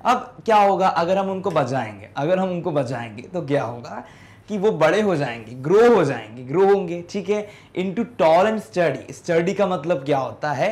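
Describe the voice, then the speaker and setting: A man's voice: a little high, animated, normal speed, darkish tone. A man teaching an English class, explaining step by step and often checking in with students. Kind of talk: classroom lesson in Hindi with English words.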